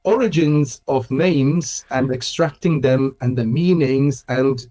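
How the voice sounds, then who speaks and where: A man's voice: medium pitch, slow, mellow. A man from Switzerland in his thirties, speaking thoughtfully in a casual interview, restarting phrases and laughing now and then. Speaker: guest, Islamic school director.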